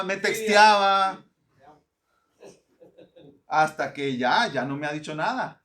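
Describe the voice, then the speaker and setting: A middle-aged man from Honduras, a pastor giving a lively, joking teaching talk to church readers and acting out pronunciations. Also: a little high.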